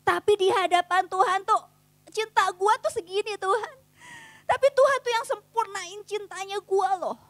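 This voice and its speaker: High-voiced woman preaching casual youth sermon. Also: normal speed, dry recording. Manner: casual slangy preaching, swings between soft and fervent. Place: church youth service.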